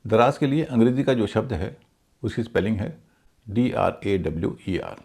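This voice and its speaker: A man teaching English pronunciation, slowly spelling out words letter by letter and repeating each one. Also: lowish voice, lively intonation, creaky, darkish tone.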